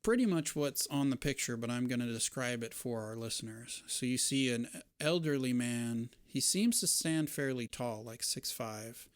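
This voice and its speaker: Guy running a tabletop game, chatty narration, smooth clean voice, no room echo. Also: mid-range voice, normal speed, hardly any pauses, clean studio sound. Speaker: game master. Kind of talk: narrating a tabletop role-playing game, conversational.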